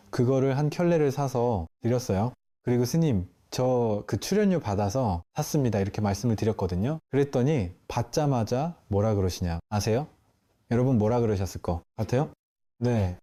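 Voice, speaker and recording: Male monk, preaching in a temple hall, very warm and mellow tone, playful and teasing, keeps quizzing his listeners. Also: medium pitch. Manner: playful storyteller, asks the audience questions. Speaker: Buddhist monk giving a dharma talk. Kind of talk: lively Q&A sermon to a temple audience.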